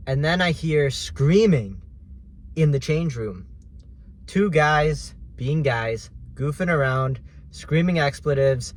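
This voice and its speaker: A man telling a casual story in a vlog, animated, swinging between loud bursts and quiet asides. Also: mid-range voice. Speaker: vlogger.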